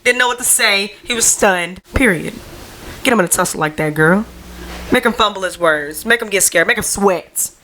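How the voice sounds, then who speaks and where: A woman's voice: medium pitch, normal speed, bright, forceful tone, slight background noise. A young adult woman hosting her own podcast at home, chatting in a loose, rambling way, full of "like" and casual slang. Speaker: podcast host. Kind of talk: casual solo podcast chat. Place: at home in front of a camera.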